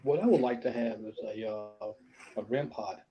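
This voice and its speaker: A man with a mid-range, dark-toned voice chats casually in a group with fellow paranormal investigators, speaking at normal speed and asking short, hesitant questions. The line sounds muffled and noisy.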